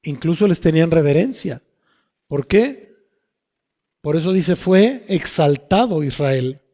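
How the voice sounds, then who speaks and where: A male pastor preaching a sermon slowly and emphatically, asking rhetorical questions and answering them. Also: on the high side, expressive, dark tone. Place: church hall. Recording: long hall reverb.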